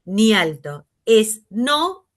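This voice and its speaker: A woman teacher with a Rioplatense Spanish accent, lecturing a class and leaning on pauses and stress to explain. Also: medium pitch, big pitch swings, slight background noise.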